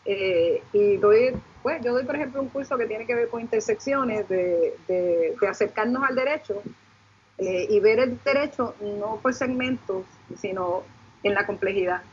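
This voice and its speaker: A woman's voice: mid-range voice, unhurried, darkish tone, muffled recording, slight background noise. A woman with a Puerto Rican Caribbean Spanish accent explaining reflectively on a panel, searching for her words as she goes. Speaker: law lecturer and panelist.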